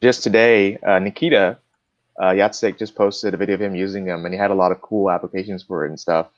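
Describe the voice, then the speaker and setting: A guest cardist chats casually on a live stream, explaining things in an easygoing way full of fillers. His deep voice stays steady and moves at a quick pace. The dry recording sounds dull and lo-fi.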